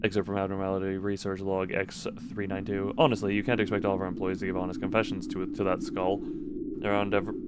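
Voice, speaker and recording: A man's voice: sits low, completely flat delivery, fast talker, heavy background noise. A man doing casual game livestream commentary and reading game text aloud, often tripping over words and correcting himself. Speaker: game streamer.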